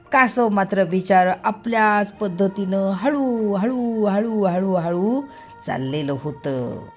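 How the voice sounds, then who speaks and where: With music playing behind her, a woman tells a story to young children at a medium pitch. She is expressive, stretching out and repeating words for emphasis.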